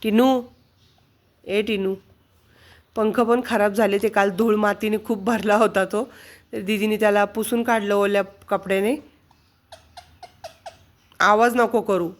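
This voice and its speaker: A woman's voice: mid-range voice, fairly even intonation, unhurried, long pauses. A woman in a casual home vlog, talking in coaxing baby talk to her pet parrot. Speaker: vlogger.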